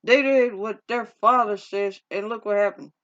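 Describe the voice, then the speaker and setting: The recording is dull and lo-fi: a female movie reviewer with a mid-range, somewhat bright voice goes over a movie's plot at a moderate pace. Her recap is informal and meandering, full of slang and restarted sentences.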